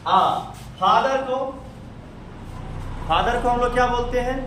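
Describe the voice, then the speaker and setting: A man's voice: very high-pitched, takes it slowly, a bit bright, distant mic, slight background noise. Man quizzing a class, echoey room. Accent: Bihari Hindi. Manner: quizzing students with repeated questions. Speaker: English teacher. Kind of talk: classroom lesson.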